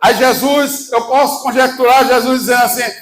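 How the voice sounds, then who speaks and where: A Brazilian man preaching a sermon as pastor, fervent and shouting, calling the congregation to answer back. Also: extremely high pitch, steady tone, normal speed, faint music behind, poor audio. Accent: Brazilian Portuguese. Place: church service.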